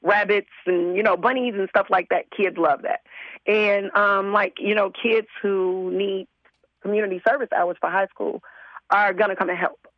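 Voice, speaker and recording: A hoarse woman who is under the weather, speaking as a community organizer in an earnest, repetitive casual interview manner. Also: mid-range voice, fairly even intonation, moderate pace, no room sound, dull audio. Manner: earnest, repeats words as she talks.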